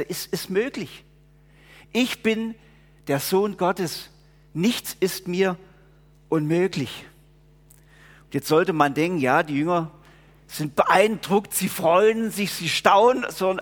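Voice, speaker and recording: High-voiced preacher. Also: male voice, a bit bright, big-room sound. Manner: earnest, conversational, explaining. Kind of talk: sermon.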